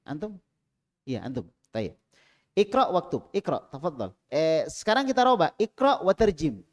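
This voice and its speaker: A man teaching an Arabic class in a small prayer room, calling on students and drilling them, with loud prompts and quiet asides. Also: a little high, very animated, moderate pace.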